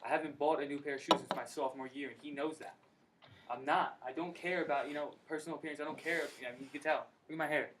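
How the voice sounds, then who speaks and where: A young man giving an energetic, slangy personal testimony at a recruiting meeting in a college room. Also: on the high side, quick pace. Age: young adult. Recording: distant mic, faint background noise.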